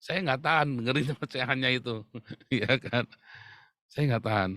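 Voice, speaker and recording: A man's voice: mid-range voice, moderate pace, pushed and bright, no echo, clean studio sound. Man preaching a sermon. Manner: addresses the congregation as "Saudara" often, with humor and laughs. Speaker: pastor.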